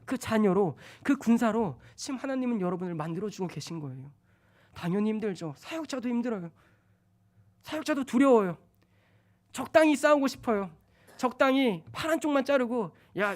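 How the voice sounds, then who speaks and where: A man preaching a sermon, swinging between loud urgent stretches and soft hushed ones. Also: sits high.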